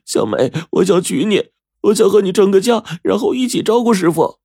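A man's voice: sing-song, brisk, darkish tone, dry recording, studio quality. A man doing a tearful, lovesick young man. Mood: pleading. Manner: high, pleading, tearful pitch. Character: lovesick young man in his twenties, desperate.

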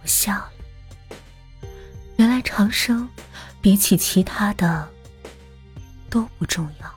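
A woman narrating an audio story in a soft, unhurried storytelling manner. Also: mid-range voice, soft background music.

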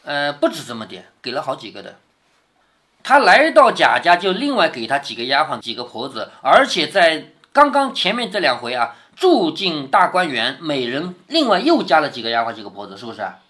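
A man's voice: fairly high pitch, wildly swooping pitch, fairly quick, pushed and bright. Changzhou-accented man explaining a classic novel. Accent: Changzhou Wu-accented Mandarin. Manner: explains passages, often adds tag questions to check understanding. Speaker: father reading to his daughter. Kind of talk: reading a classic novel aloud with commentary.

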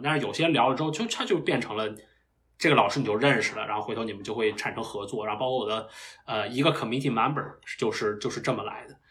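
A young man who recently earned his PhD speaks as a guest on a casual podcast interview. He thinks aloud in a reflective, meandering way, restarting often, in a mid-range, fairly bright voice.

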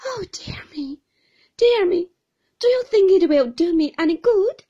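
A woman's voice: very animated, unhurried, warm tone, muffled recording. Woman doing a trembling, timid young mother. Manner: trembling and high-strung. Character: timid, fragile young mother, easily frightened.

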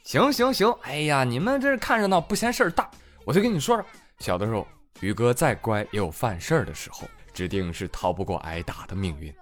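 A man's voice: medium pitch, expressive, brisk, soft background music. A man hosting a casual show, reading out listener comments and teasing them playfully. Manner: playful, teasing, laughs often. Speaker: host.

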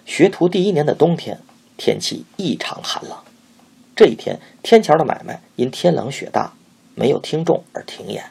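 A man reading a memoir aloud in an expressive storytelling manner. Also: on the high side, normal speed, gravelly, slightly rough. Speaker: audiobook narrator.

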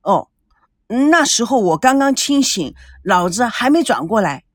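An earnest, lovesick young man stumbles over his words as he pleads, as a woman reads his part aloud. The voice stays fairly high, with lively rises and falls, and it sounds dry and close. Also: unhurried, no echo. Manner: stammering, pleading. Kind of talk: audiobook character voice.

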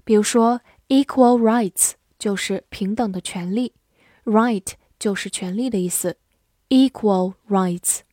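A woman teaching English vocabulary in a scripted lesson, spelling out words and reading example sentences slowly and carefully. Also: on the high side, dark tone, no room sound, clean studio sound.

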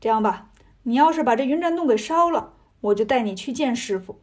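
A woman voicing a boastful male monkey king who teases and swaggers, with a husky voice. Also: fairly high pitch, animated, fairly quick. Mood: teasing. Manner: teasing, swaggering.

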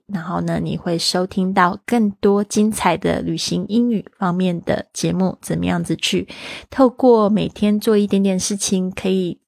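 A young woman hosting a podcast, teaching English phrases in a chatty way and repeating words slowly for learners. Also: medium pitch, creaky, no room sound. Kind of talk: chatty bilingual language lesson.

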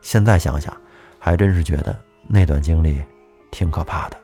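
A man with a very low voice narrates a spooky tale as the show's host. His delivery is steady and measured, and faint music plays softly underneath. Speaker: podcast host. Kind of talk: storytelling narration. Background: faint background music.

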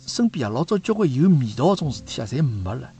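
Gravelly shanghainese guy in his 50s hosting a chat, soft music behind, keeps going "right?". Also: medium pitch, big pitch swings, fast talker. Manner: chatty, often asks for agreement. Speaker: host. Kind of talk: casual chat.

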